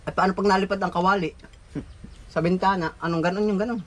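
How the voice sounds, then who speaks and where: A man's voice: sits high, fairly even intonation, fast. A man hosting a casual vlog, chatting and telling a funny story over a meal, laughing often. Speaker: vlog host.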